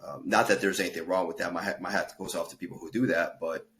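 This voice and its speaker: A fast-talking man with a low-pitched, fairly bright voice and a steady tone tells his story earnestly, with fillers and self-corrections along the way. He's in his thirties, was born in Peru and raised in the States, and is a fitness and life coach guesting on a casual podcast interview. Slight background noise can be heard.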